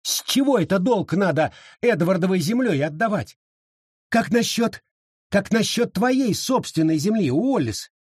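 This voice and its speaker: A man voicing an outspoken, defiant young colonial wife in an audiobook, with a sharp, indignant delivery. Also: sits high, expressive, unhurried, husky, no echo, clean studio sound, pitched above the performer's own voice, exaggerated voice. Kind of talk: audiobook reading.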